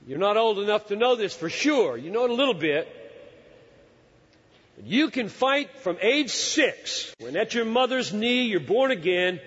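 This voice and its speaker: A man's voice: high-pitched, very animated, measured pace, fairly bright tone, breathy edge. Earnest older man preaching in a hall. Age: 60s. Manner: earnest, emphatic, stops to search for words. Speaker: pastor. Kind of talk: sermon. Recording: dull hall recording with long reverb.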